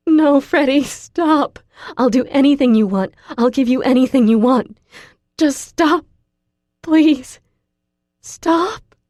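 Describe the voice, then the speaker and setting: A woman voicing a seventeen-year-old girl who begs in high cries and soothes softly. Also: slow, long pauses, no room sound, clean studio sound. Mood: pleading. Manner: high pleading cries, then soft soothing.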